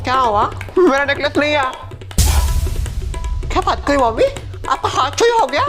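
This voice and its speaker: A man playing a whole household of women and neighbours in a comedy skit, jumping between squeaky and low put-on voices, with music behind him. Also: very animated, moderate pace, bright, forceful tone, full character voice. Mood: frantic scolding. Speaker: sketch comedian playing all characters. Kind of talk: comedy skit with one performer in every role.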